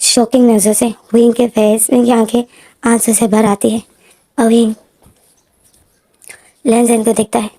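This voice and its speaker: Woman storyteller, casual fan-fiction retelling; mellow tone, a bit high. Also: measured pace, pauses often. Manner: steady, repetitive storytelling with frequent linking words.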